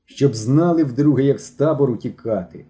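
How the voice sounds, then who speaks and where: A man's voice: medium pitch, moderate pace, mellow, close to an everyday voice. A male reader voicing a teenage boy who needles two runaways with mocking remarks.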